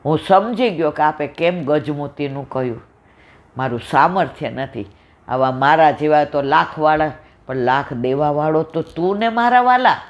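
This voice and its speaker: A woman's voice: sits low, lively intonation, normal speed, voice pushed down. Humble pleading merchant, told by a Saurashtra-accented woman. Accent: Saurashtra Gujarati. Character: humbled rich male merchant begging forgiveness. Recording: dull lo-fi recording.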